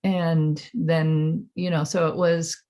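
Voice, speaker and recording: An American woman in her seventies reminiscing in an oral history interview, halting and reflective as she recalls. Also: deep voice, little pitch movement, warm tone. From Minnesota, United States. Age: 70s.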